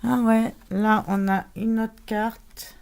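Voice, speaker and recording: A woman's voice: a little high, flat delivery, slow, creaky, darkish tone. A woman chatting casually as she unboxes and shows scrapbooking paper, with lots of fillers and restarts. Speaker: scrapbooking vlogger.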